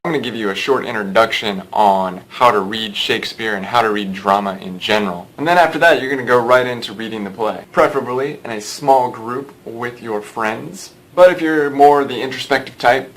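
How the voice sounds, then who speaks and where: A man giving a recorded lecture as a teacher, explaining with dry, sarcastic asides and lively emphasis. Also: fairly low pitch, rough recording. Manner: lively, shifting pace and emphasis.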